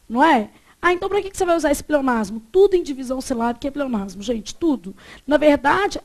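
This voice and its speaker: High-voiced Brazilian woman teaching grammar. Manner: poses fill-in questions and repeats the answers. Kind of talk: classroom lecture.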